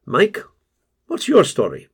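A man voicing a calm, soft-spoken male group therapist who speaks in a measured, gently probing way. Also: fairly high pitch, breathy edge, pitched above the performer's own voice, exaggerated voice.

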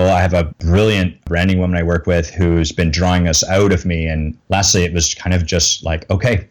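A middle-aged man, a coach, talking candidly and self-deprecatingly in an interview, often laughing at himself. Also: deep voice. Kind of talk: reflective interview talk.

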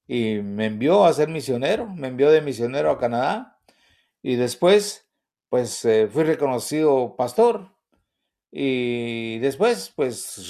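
A man's voice: medium pitch, warm tone. An older man, a pastor, preaching an earnest testimony sermon full of repetition and rhetorical questions.

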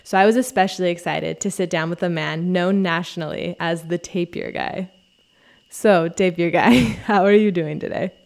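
A woman's voice: lowish voice, steady tone, normal speed, creaky, a little mellow, dry recording. Podcast host woman, dry close voice. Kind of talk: scripted narration and interview.

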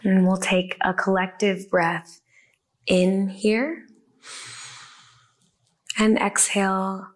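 Slow, soothing woman guiding a meditation. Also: medium pitch, little pitch movement. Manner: slow, soft and soothing, with long pauses. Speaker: meditation guide. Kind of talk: guided body-scan meditation. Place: a room with the listeners present.

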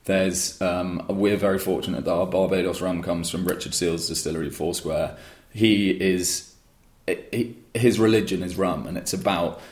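A man with a deep, low voice talks at length in an interview about starting his own rum brand. His answers wander and restart, dotted with fillers. The room around him rings with echo. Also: steady tone, moderate pace, darkish tone. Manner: rambling with frequent restarts and fillers. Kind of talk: conversational interview.

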